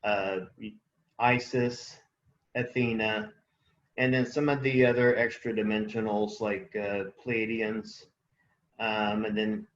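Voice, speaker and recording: A man's voice: lowish voice, level tone, slow pace. Rambling man in a roomy, dull recording. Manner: rambling, searching for words with many fillers. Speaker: podcast co-host. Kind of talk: casual spiritual conversation.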